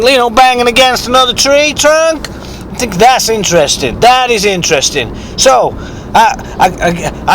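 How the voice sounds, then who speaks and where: A man voices an eccentric, foul-mouthed rustic bigfoot hunter, telling a halting, rambling and repetitive mock-documentary tale. His voice is very high-pitched, a bit bright and husky, as if from a sore throat. The recording is low quality with slight background noise.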